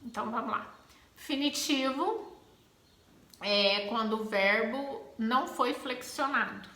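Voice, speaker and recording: A woman with a Brazilian Portuguese accent teaching a grammar lesson, expressive and acting out exclamations to make her points. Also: a little high, takes it slowly, echoey room.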